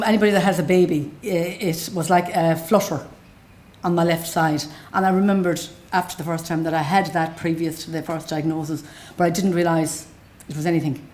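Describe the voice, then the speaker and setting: Speaking with a west of Ireland accent, a middle-aged woman from Galway recounts her own experience as a patient, unscripted and matter-of-fact. Her voice is low and a little mellow, her manner plain-spoken.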